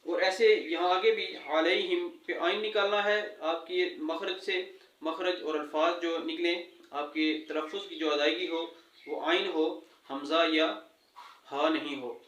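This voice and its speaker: A man giving a lesson on correct Quran recitation, explaining sounds and chanting verses slowly. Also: on the high side, steady tone, a bit bright, echoey room, distant mic, rough recording. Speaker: religious teacher. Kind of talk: tajweed lesson with slow recitation.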